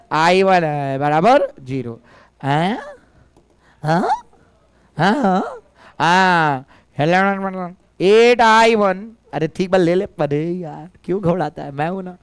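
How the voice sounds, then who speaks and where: A male physics teacher speaks in a live classroom lecture with a Bihari Hindi accent and a high-pitched, slightly hoarse voice. He teases and coaxes his students into answering, and the recording has no echo.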